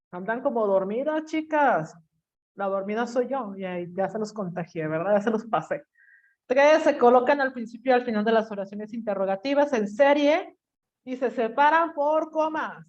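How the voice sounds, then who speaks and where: A woman's voice: a little high, animated, normal speed, darkish tone, dull audio. Chatty woman teaching a class. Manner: chatty, teasing, asks the class questions. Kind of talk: online class lecture.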